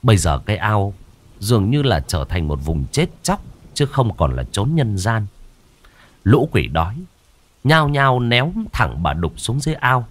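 A man narrating a ghost story, dramatic and slowing down on the eerie moments. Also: on the low side, very animated.

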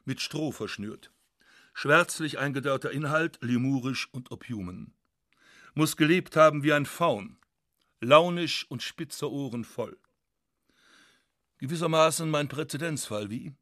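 Measured male radio reader, dry studio. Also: mid-range voice, fairly bright tone, no echo. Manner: measured, ironic. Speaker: narrator. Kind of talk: literary radio reading.

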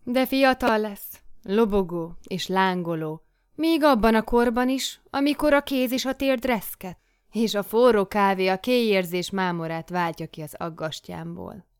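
A woman's voice: medium pitch, clean tone, no room sound, studio quality, lightly acted. A woman reading an audiobook voices a worldly woman friend who speaks in a wry, knowing way. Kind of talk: audiobook character voice.

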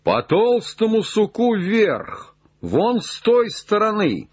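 A man doing a feverish obsessed gentleman. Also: high-pitched, slow pace, slightly rough, no echo, dull audio, voice pushed up, heavily acted. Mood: urgent. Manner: urgent, raised, breaking with excitement.

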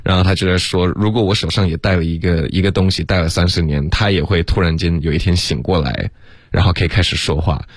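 Man, radio English teacher, very deep voice, dry studio sound, patient drilling, lots of fillers. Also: steady tone, dry recording. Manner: patient, drills pronunciation slowly, many fillers.

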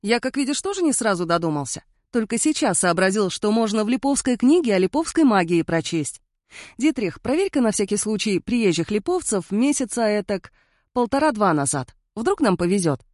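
A woman's voice: medium pitch, very animated, brisk, a little mellow, no echo, clean studio sound, voice pushed up, lightly acted. A woman voicing a clever young male investigator who reasons aloud with a teasing edge. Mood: wry.

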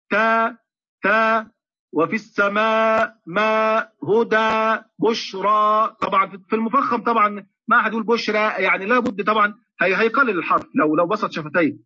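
A man gives an online recitation lesson, his high voice sharp and slightly husky. He explains at length, then slows down to chant example verses. The audio sounds muffled and lo-fi. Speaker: Quran recitation teacher. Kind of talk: online lecture in Arabic.

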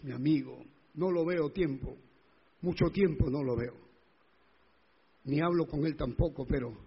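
A male pastor telling a personal testimony in a sermon, emotional and rising to loud pleading. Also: fairly high pitch, creaky, breathy edge, dull audio.

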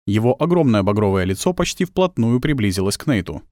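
Male audiobook narrator: expressive, dramatic, dry studio sound. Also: lowish voice, fairly quick, dry recording.

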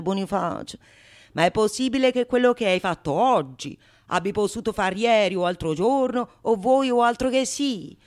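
In a theatrical radio monologue, a woman voices a witty, teasing male painter who is sly and loves wordplay. Her voice sits a little high, pushed upward, and she sounds sly, mock-impressed and theatrical.

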